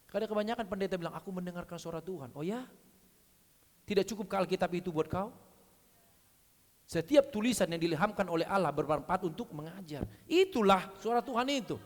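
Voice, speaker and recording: A male preacher, giving a blunt, scolding sermon with sudden loud calls. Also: high voice, brisk, long pauses. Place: church hall. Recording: long church hall reverb.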